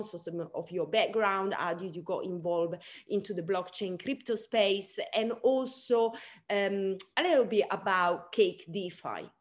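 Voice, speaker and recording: A woman hosting an interview show, upbeat and animated as she introduces and questions her guest. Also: medium pitch. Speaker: host.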